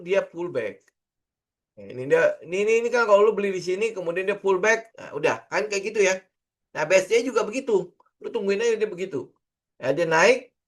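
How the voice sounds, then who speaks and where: A middle-aged man talks through a casual trading lesson. His voice sits a little high, and he keeps it loose and chatty, full of fillers and rhetorical questions. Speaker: trading instructor. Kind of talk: casual screen-share lesson.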